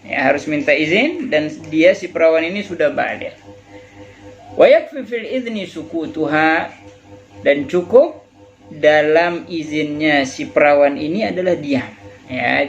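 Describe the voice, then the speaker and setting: A man with an Indonesian accent gives a kitab study lesson, reading Arabic passages and explaining them in relaxed, everyday speech. His voice is gravelly and sits a little high, and he speaks slowly. The recording sounds dull and lo-fi. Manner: reads Arabic text then explains in casual Indonesian. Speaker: religious teacher. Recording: dull lo-fi recording with faint music.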